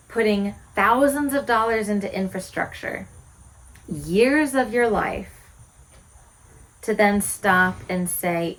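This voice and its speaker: Frank woman, about forty, homestead vlogger; earnest rhetorical musings, mid-pitched voice. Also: slight background noise, rough recording. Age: 40s. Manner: earnest, candid, asks many rhetorical questions. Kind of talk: reflective direct-to-camera talk.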